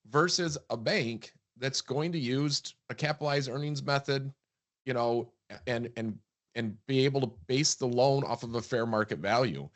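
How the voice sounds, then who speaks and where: A man co-hosting a business podcast, talking emphatically and often repeating words as he builds a point. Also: medium pitch. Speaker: podcast co-host, practice transition advisor. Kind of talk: casual podcast chat.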